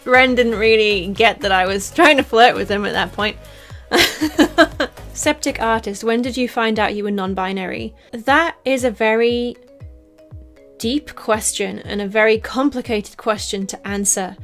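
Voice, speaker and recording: A young woman from northeast England, with a softened Teesside accent, chatting in a casual Q&A vlog. She rambles with lots of "like" and little laughs as she answers fan questions. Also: on the high side, measured pace, soft background music. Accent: softened Teesside English.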